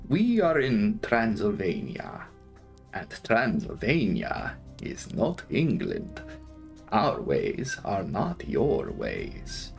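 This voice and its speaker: A man voicing a courtly, commanding Transylvanian count in an audiobook, speaking in formal, drawn-out, measured phrases with a sinister edge. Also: fairly low pitch, wildly swooping pitch, vocal fry, faint music behind, heavily acted. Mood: formal, ominous. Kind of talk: dramatic audiobook character reading.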